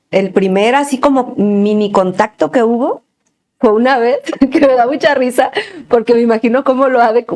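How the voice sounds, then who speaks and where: Woman, interview guest, faith testimony, lively storytelling, frequent laughs, fillers. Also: mid-range voice.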